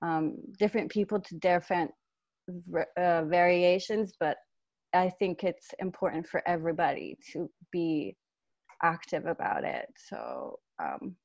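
A woman's voice: on the low side, sing-song, a little slow, a little mellow, no room sound. A woman from Iran, an artist, introducing herself on a panel in a thoughtful way, searching for her words. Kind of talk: roundtable introduction. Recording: dull lo-fi audio.

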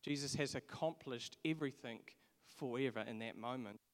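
A man from England delivering a sermon in an earnest, conversational way, often restarting his sentences. His voice sits at an ordinary pitch for a man. It carries a long reverb, as if recorded in a large church hall. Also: normal speed. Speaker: preacher.

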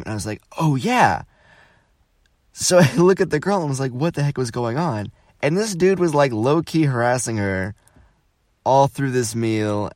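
A young man with a slightly low voice recounts a chaotic night out, casual and animated. He drops into quick impressions of the people he quotes. The sound is dry and close. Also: no echo. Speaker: podcast host. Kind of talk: casual storytelling monologue.

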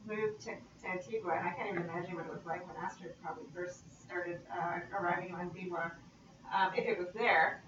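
A woman's voice: fairly low pitch, fairly even intonation, fast talker. A woman, a guest in a casual conversation, chatty and often checking for agreement. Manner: chatty, seeks agreement with frequent "right?". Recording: distant mic in echoey room, dull and noisy.

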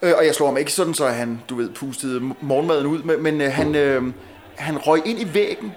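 A male podcast guest telling a story in a casual, animated way, often repeating words and stumbling as he gets excited. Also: on the high side.

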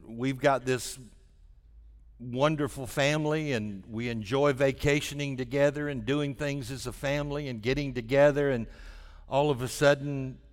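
A man's voice: medium pitch, steady tone, normal speed. A man preaching a sermon as a pastor, in a folksy way, repeating phrases for emphasis. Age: 60s. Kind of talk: sermon to a congregation. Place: large church hall during a service. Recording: long hall reverb.

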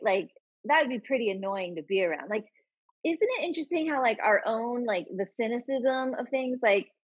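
A woman hosting a casual podcast chat, animated and talkative with lots of "like". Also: a little high, husky, no echo. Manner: animated, chatty, many fillers of "like". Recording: dry muffled lo-fi line.

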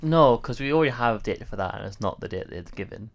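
A man's voice: lowish voice, expressive, fast. A man co-hosting a casual film podcast, joking and sarcastic. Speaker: podcast co-host.

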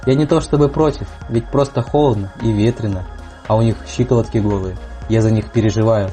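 A man's voice: fairly low pitch, steady tone, brisk, dark tone. A young man giving a humorous, anecdotal weather report in a wry way, with music behind. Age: young adult. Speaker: weather correspondent. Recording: music playing under the voice. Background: background music.

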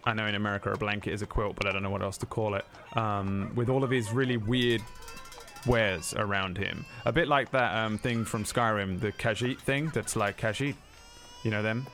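A man's voice: on the low side, fairly even intonation, moderate pace, a bit bright, faint music behind. Rambling male game master. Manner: rambling, lots of ums. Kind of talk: narrating a tabletop game.

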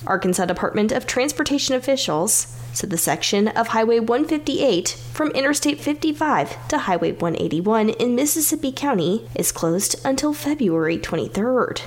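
A woman presenting scripted local news in the style of a radio bulletin. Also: on the high side.

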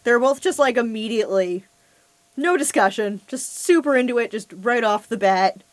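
A woman co-hosting a podcast, chatting in a wry way with quick asides. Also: fairly high pitch, lively intonation, no echo. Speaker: podcast co-host. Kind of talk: casual podcast chat reviewing a film.

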